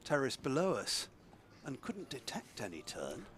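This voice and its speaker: A man giving live cricket commentary in a measured, understated way with wordy phrasing. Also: medium pitch, wildly swooping pitch, fairly bright tone, slight background noise.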